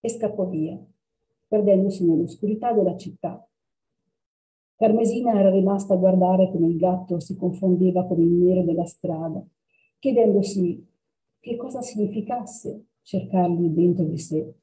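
A woman leading a creative workshop, narrating a story and guiding an exercise gently and without hurry over a webinar mic. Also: lowish voice, fairly even intonation, normal speed, rough recording. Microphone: computer mic for a webinar.

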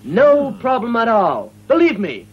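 An actor playing a cheerful old beggar fortune-teller in a dubbed martial arts film, boastful and persuasive like a street hawker. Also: male voice, very high-pitched, wildly swooping pitch, measured pace, breathy edge, full character voice. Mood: boastful, persuading. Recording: muffled old film dub with music.

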